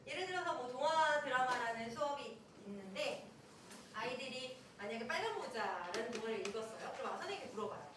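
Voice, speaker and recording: A woman's voice: fairly high pitch, a bit bright, a little hiss or hum. A woman presenting at an admissions session for parents, talking animatedly and acting out children's and teacher's lines. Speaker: education center presenter. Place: room at an info session. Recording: echoey room, voice from a distance.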